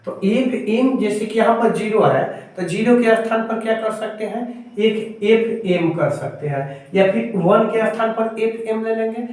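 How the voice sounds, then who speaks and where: A man's voice: sits high, moderate pace, darkish tone. A male math teacher, explaining a lesson step by step and answering his own questions. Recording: echoey room, voice far from mic.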